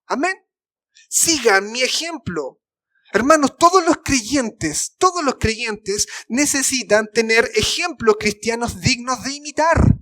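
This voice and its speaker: A man with a Chilean Spanish accent preaching a sermon as pastor, fervent and emphatic, sometimes dropping to soft, slow phrases. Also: extremely high pitch, expressive. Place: church sanctuary.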